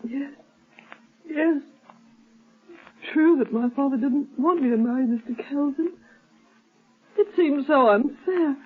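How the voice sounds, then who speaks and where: A grieving young heiress in a 1930s radio drama, naive and defensive. Her high voice is plaintive and hesitant. The recording is tinny and narrow. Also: takes it slowly, pauses often, faint music behind.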